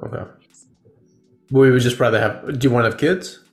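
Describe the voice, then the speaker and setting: The podcast host, a man in his forties, runs a casual interview with playful, encouraging questions. His medium-pitched voice is fairly even in intonation and moves fairly quickly, and the recording has roomy echo plus faint music.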